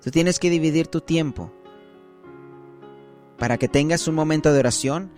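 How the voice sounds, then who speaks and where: Guy preaching, kinda high voice, keeps asking "right?", faint music behind. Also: moderate pace, a little mellow. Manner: conversational preaching with frequent rhetorical "¿sí?" checks. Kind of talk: sermon.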